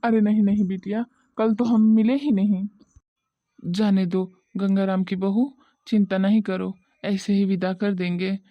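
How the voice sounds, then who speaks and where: A woman's voice: medium pitch, little pitch movement, a little slow, no room sound, muffled recording, lightly acted. A woman doing a rambling, gossipy village uncle. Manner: rambling, tactless. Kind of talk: cartoon voice acting.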